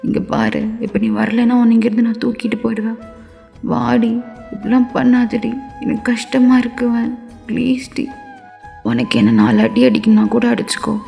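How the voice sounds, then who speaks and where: A woman's voice: fairly high pitch, expressive, moderate pace, creaky, warm tone, soft background music. A woman voicing a remorseful, hot-tempered young husband who begs his wife tearfully in a fan-made audio story. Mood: pleading. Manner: tearful begging.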